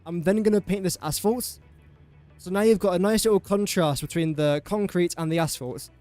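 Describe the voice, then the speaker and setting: A young adult English streamer with a high, warm voice chats casually at a moderate pace while playing a building game live, soft music in the background. He talks to the pieces he places and pokes fun at himself in his English accent.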